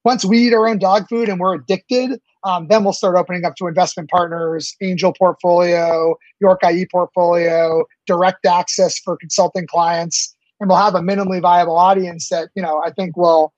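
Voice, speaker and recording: High-voiced man in his thirties. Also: flat delivery, a little mellow, no echo, dull audio. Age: 30s. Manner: fast, enthusiastic, many fillers and restarts. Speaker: startup founder guest. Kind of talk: business interview answers.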